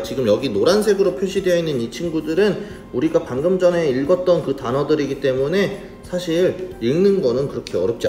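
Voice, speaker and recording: A man teaching children English phonics in a slow, patient, friendly manner, spelling words out letter by letter. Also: mid-range voice, a little mellow. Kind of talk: children's reading lesson. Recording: roomy sound with faint music.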